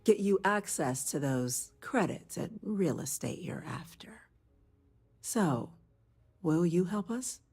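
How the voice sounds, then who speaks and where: A woman's voice: lowish voice, lively intonation, slow pace, a little mellow, breathy edge, heavily acted. An actress voicing a female government official in a video game, speaking in a formal, official manner.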